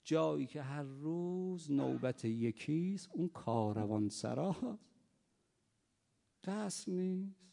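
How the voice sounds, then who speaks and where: A man voicing a calm, wise old male traveler who reasons plainly, in a reverberant hall. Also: a little high, vocal fry.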